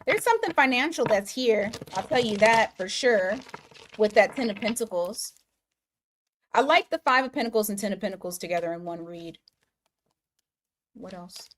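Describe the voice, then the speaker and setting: A woman's voice: mid-range voice, lively intonation, moderate pace, pauses often, slight background noise. A woman giving live tarot readings, talking casually to viewers, laughing often and circling back on her words. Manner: chatty, laughs often, restarts and fillers. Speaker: tarot reader.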